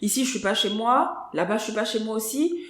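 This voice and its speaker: A woman guest on a podcast interview, telling her own career story in a lively conversational way and acting out what others said to her. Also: fairly high pitch, brisk, a crowd in the background. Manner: lively storyteller who acts out quoted voices. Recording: roomy echo.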